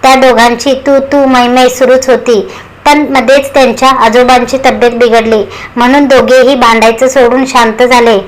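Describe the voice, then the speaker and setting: A woman reading a romantic drama story aloud in an expressive, dramatic way. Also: fairly high pitch, moderate pace, rough recording. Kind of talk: scripted story narration.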